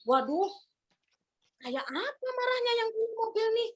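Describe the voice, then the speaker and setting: A woman's voice: very high-pitched, very animated, measured pace, highs cut off, pitched above the performer's own voice, exaggerated voice. A woman putting on a scared, whimpering little boy. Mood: worried. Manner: whimpering, anxious, pleading. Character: frightened young boy who scratched a car.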